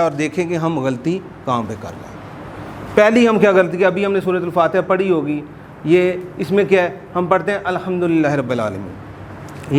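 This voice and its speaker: A man teaching a Quran class, explaining and slowly repeating words to demonstrate correct pronunciation. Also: on the high side, a little hiss or hum. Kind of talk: informal religious class lesson.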